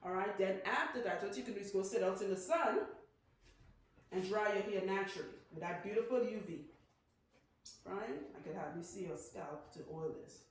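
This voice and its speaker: At a normal speed and mid-range pitch, a Trinidadian woman chats playfully while demonstrating hair care as a salon loctician, often asking "right?" or "okay?". The space is highly echoey, with slight background noise.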